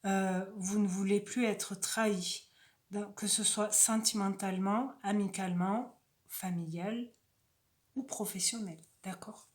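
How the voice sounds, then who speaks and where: A woman reads oracle cards aloud in a soft, casual voice and stops for chatty asides to her viewers. She speaks slowly and without hurry. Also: medium pitch, steady tone. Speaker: oracle card reader. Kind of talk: casual oracle card reading.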